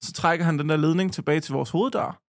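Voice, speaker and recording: A man's voice: a little high, dry recording, clean studio sound. A man co-hosting a podcast, telling a long story in a loose, rambling way with many fillers. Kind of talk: casual podcast chat, storytelling.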